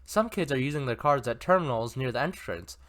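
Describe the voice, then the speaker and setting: Chatty male reader with asides and self-corrections, animated pitch. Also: brisk. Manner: chatty, self-correcting, laughs at own mistakes. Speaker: story reader and commentator. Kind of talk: reading an interactive novel aloud with asides.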